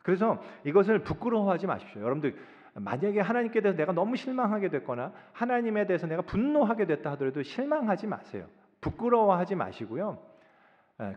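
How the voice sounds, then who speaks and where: Animated preacher in an echoey church. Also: male voice, fairly high pitch. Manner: emphatic, rhetorical questions, talks directly to the congregation. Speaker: pastor. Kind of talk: sermon. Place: church sanctuary. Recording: echoey church hall, slightly dull sound.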